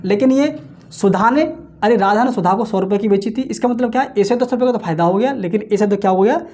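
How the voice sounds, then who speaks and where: A man teaching maths for exams works through sums aloud with quick times-table chants, calling his viewers friends in almost every phrase. He supplies answers to his own questions. He sounds high-pitched, with a darkish tone.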